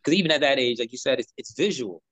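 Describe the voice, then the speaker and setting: A man hosting an interview in a relaxed, conversational way, affirming his guest and often saying "you know". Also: mid-range voice, quick pace, no room sound. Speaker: interview host. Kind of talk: casual interview talk.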